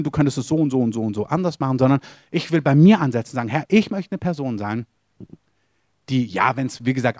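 Recorded dry in studio quality, this German-language sermon comes from an earnest, direct pastor who questions his audience, moving between quiet lows and loud, emphatic bursts.

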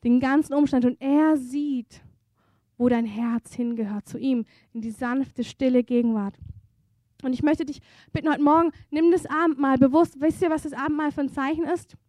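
A woman preaching a sermon at a church service, earnest and intimate, moving between hushed softness and fervent emphasis. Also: high voice, steady tone, normal speed, no room sound.

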